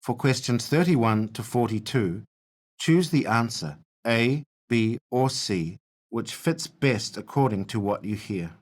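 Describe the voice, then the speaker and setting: A man narrating an exam recording in a slow, measured way. His delivery is formal and announcing, with a steady pitch. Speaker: test narrator.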